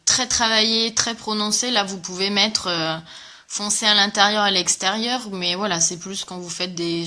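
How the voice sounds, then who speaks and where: A woman with a bright, clear voice hosts a casual live makeup tutorial. She talks in a bubbly, chatty way, full of fillers, and greets her viewers while she demonstrates. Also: medium pitch. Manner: chatty and enthusiastic, many fillers. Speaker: makeup presenter.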